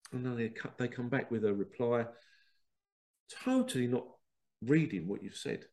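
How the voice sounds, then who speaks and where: His voice is medium-pitched and darkish, thickened by a head cold. As podcast host he wanders through a casual spiritual monologue, regularly acting out exchanges he's quoting.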